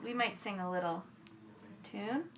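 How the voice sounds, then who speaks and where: A woman's voice: mid-range voice, measured pace, fairly bright tone, slight background noise, poor audio. A woman hosting an open mic, chatting in an upbeat, agreeable way with her guest. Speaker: host. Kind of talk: casual chat.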